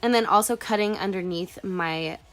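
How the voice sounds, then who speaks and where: This young beauty vlogger, in her twenties and nasal from a cold, narrates a makeup tutorial in a chatty, casual way, using "like" a lot. Her medium-pitched voice is fairly bright and moves at a moderate pace, with faint music underneath.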